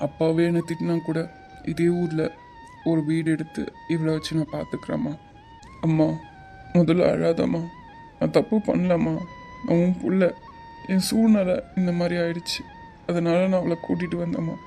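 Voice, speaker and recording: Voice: medium pitch, huge pitch swings, moderate pace, pauses often, mellow, faint music behind. A performer voicing Arjun, a young man who talks in an earnest, reassuring way, for a cartoon. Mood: pleading. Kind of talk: cartoon voice acting.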